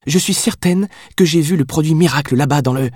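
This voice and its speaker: A man reading the part of a spirited, impulsive young woman who answers in quick, teasing retorts. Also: a little high, a little mellow, breathy edge, dry recording, clean studio sound, pitched above the performer's own voice. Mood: cheeky. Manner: quick, teasing, triumphant replies.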